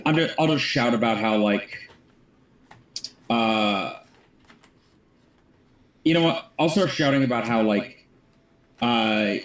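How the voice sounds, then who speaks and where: A young male player jumps into the game with eager jokes and stumbling restarts. His mid-pitched voice rings in a roomy echo. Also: slow pace, pauses often. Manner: eager, joking, stumbles over repeated starts. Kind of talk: casual tabletop game chat.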